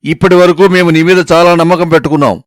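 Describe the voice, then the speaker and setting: A man's voice: fairly high pitch, fairly even intonation, fast talker, dry recording, clean studio sound, close to an everyday voice. A man voicing a stern mother who interrogates her daughter in a storytelling reading. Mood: angry. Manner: stern, accusing.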